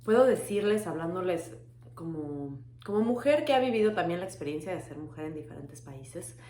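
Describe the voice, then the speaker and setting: A woman's voice: lowish voice, animated, moderate pace, warm tone, reverberant. A young adult woman from Mexico with a Mexican accent, giving a reflective personal talk with hesitant restarts. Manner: thoughtful, frequent hesitant restarts. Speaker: webinar speaker.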